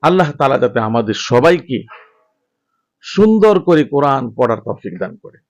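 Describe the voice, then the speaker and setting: A man teaching Quran reading, chanting each Arabic letter with its vowel mark in a slow, measured drill, then speaking to his viewers in a softer voice. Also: medium pitch, sing-song, dull audio. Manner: softer, quicker closing talk to viewers.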